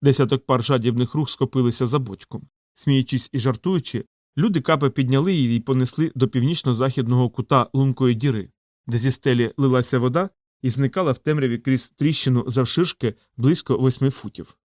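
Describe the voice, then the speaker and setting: Man narrating an audiobook, measured and even, dry close mic. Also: mid-range voice, dry recording. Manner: steady, measured storytelling. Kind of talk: scripted narration.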